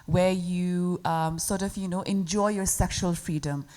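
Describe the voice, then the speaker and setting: A woman's voice: on the low side, steady tone, warm tone. A woman judging a pageant interview, firing off questions and switching between Nepali and English. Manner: rapid, mixing Nepali and English. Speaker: pageant judge.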